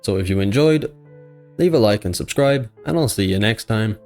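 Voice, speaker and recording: A man with a fairly low voice narrates gameplay footage in a scripted voice-over. His humor is dry and offhand, and he slips asides in between the updates. Faint music plays underneath. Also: lively intonation, normal speed, a little mellow. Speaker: gaming YouTuber.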